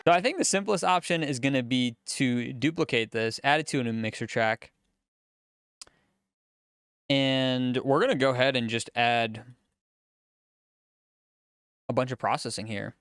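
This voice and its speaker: A man's voice: mid-range voice, unhurried, pauses often, slight background noise. A man, a music producer, casually talking through a studio session as he works in a music studio. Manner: relaxed, chatty, explains as he works.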